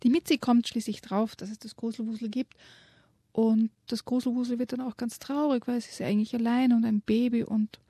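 A woman's voice: fairly high pitch, fairly quick, no room sound, studio quality. Woman reading a children's story aloud. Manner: lively storyteller, whispers for suspense. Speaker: guest presenting a children's book.

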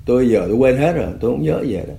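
An older man, recounting a personal story in a measured, often quiet and subdued way. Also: mid-range voice, sing-song, vocal fry.

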